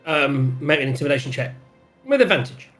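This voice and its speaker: Bright, higher-voiced man as game master. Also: sing-song, a little fast, soft background music. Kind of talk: casual tabletop game narration.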